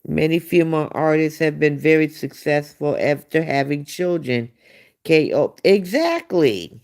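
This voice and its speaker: A woman's voice: deep voice, animated, a little slow, vocal fry, darkish tone. A woman hosting a livestream, giving casual gossip commentary in a blunt, profane way and talking back to her viewers. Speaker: livestream host.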